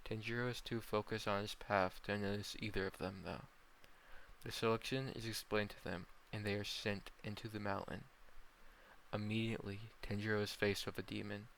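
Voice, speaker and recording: A young man reads a fan-fiction story aloud in a plain, slightly halting way. His low voice has a gravelly fry but still sounds bright and forceful, with a faint hiss of noise under it. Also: little pitch movement, poor audio. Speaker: narrator.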